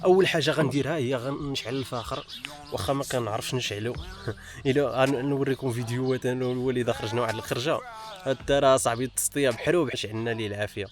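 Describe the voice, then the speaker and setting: A man's voice: mid-range voice, very fast, a crowd in the background. A young man with a Moroccan accent chatting casually to camera as a vlogger. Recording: clearly noisy outdoor recording.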